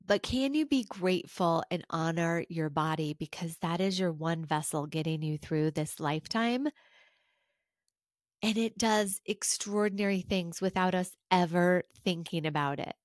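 Speaking a little slowly in a fairly low voice, a woman from the United States hosts her own reflective podcast. She talks earnestly, encourages her listeners and asks them questions. The studio sound is clean, with no echo.

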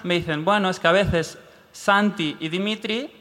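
A man telling a rambling funny story on a live comedy podcast, acting out his own thoughts as he goes. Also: sits high. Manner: fast, animated storytelling with quoted asides. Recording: live venue with long reverb.

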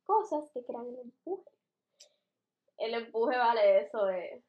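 A young adult woman in casual chat, animated and laughing as she acts out quotes. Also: a little high, slow, echoey room, dull audio.

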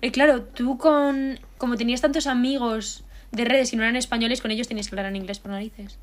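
A young woman interviewing someone in a relaxed, chatty way, passing on questions from fans. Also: a little high, fast. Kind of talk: casual conversation.

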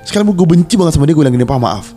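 A man talks quickly in a frank, heartfelt podcast chat. His pitch swings widely as he goes, and he often stumbles and restarts words. Faint music sits beneath his voice. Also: lively intonation, warm tone. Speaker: podcast co-host. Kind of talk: casual personal chat to listeners.

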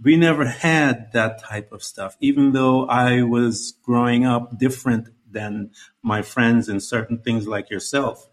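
A man's voice: medium pitch, measured pace. A man from Guyana interviewing a guest, asking long, rambling questions while searching for his words. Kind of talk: conversational interview.

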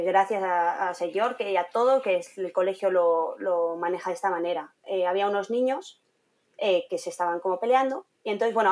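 Appearing as an interview guest, this young content creator and trainee teacher spins a casual story with lots of laughter. Her medium-pitched voice is animated, and she performs the quoted voices herself.

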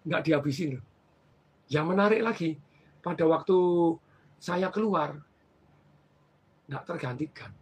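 A man telling stories from his banking career in casual conversation, animated and acting out the people in them. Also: fairly high pitch, measured pace, pauses often, slightly rough. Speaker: former bank branch manager.

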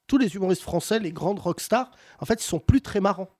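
A man's voice: sits high, animated, a little fast, a little mellow. A man hosting with casual, teasing banter, often laughing as he needles his guests. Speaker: show host.

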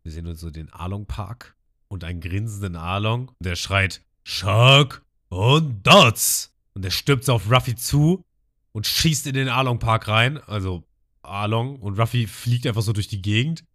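Low-voiced man retelling an episode. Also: moderate pace. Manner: lively storytelling, laughs often. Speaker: podcast co-host.

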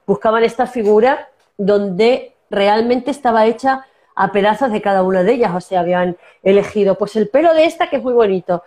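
An actress from Castilla-La Mancha, Spain, speaking with that region's accent, tells stories as a guest in a casual interview. Her medium-pitched, mellow voice moves fairly quickly, full of restarts and fillers.

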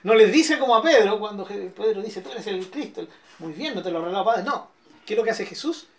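A middle-aged pastor with a Chilean accent leads an interactive Bible study, asking questions and checking in with his listeners often. His voice is high-pitched and lively, and he talks fairly quickly.

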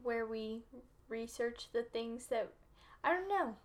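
A woman co-hosting a casual podcast. Her voice sits fairly high, and she talks loosely, with frequent laughter and "like" fillers. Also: expressive, takes it slowly. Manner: laughs often, chatty with many "like" fillers. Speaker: podcast co-host. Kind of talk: casual chat.

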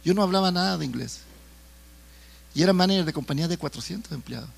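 A man's voice: high-pitched, fast, gravelly, breathy edge. A middle-aged man preaching a sermon, talking to the congregation in a conversational way with stories and jokes.

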